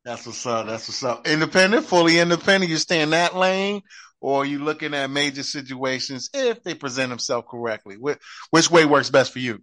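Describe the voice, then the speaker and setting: A man's voice: on the high side, fairly bright tone, no room sound. Slangy male podcast host, dry sound. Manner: friendly, slangy, quick affirmations. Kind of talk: casual interview.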